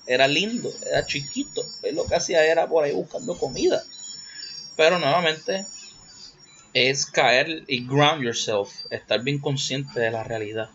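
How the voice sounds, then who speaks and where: A man's voice: on the high side, moderate pace, fairly bright tone, dull audio, a little hiss or hum. A young man with a Puerto Rican accent, hosting a casual solo monologue. He rambles, jokes crudely and slips English words into his Spanish.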